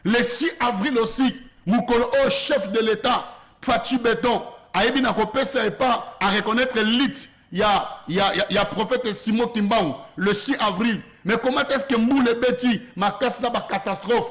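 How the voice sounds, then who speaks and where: High-voiced Congolese preacher. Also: male voice, moderate pace, fairly bright tone. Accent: Congolese French. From Congo (DRC). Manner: earnest preaching, grows emphatic, mixes in Lingala phrases. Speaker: prophet and preacher. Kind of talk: sermon.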